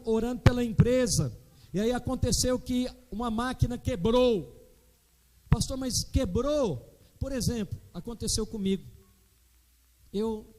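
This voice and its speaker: A middle-aged man with a Brazilian Portuguese accent preaches a sermon as a pastor, calling on the congregation to respond. His voice is high-pitched yet dark in tone.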